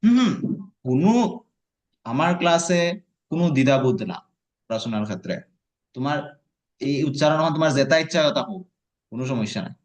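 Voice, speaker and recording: A man's voice: medium pitch, lively intonation, fairly quick, long pauses. A man teaching an online lesson, patiently coaxing his student and breaking words into syllables.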